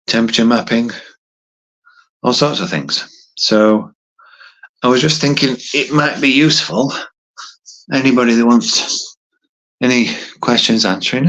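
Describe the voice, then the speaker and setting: A man in his fifties doing push-ups on a casual livestream recorded on a phone, chatting hesitantly and ramblingly to viewers in a slightly husky voice. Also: lowish voice, a bit bright, poor audio. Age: 50s. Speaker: livestream host. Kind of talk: casual live chat to viewers.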